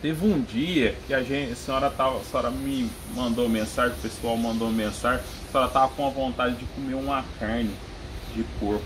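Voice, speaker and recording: A man's voice: mid-range voice, a little fast. Brazilian country man amid background noise. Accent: rural Brazilian. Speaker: visitor chatting with an elderly friend. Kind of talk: casual chat. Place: open porch of a rural house. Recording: noisy handheld outdoor recording.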